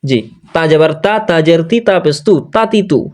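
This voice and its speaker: A man teaching Quran pronunciation, patiently explaining where the tongue goes and repeating each letter sound slowly in drills. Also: a little high, a little mellow. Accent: Bangladeshi Bengali. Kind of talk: online tajweed class recap.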